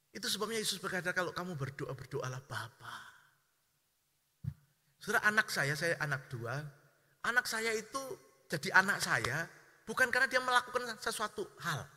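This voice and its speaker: A middle-aged man preaching a sermon, lively and animated, addressing his congregation and acting out the voices of people he describes. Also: high voice, in a large hall. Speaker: pastor.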